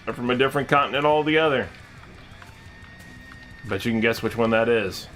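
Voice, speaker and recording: A man's voice: mid-range voice, brisk, a bit bright, soft background music. A man from America, a game streamer, chatting casually and rambling with many fillers while he plays. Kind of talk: casual chat while gaming.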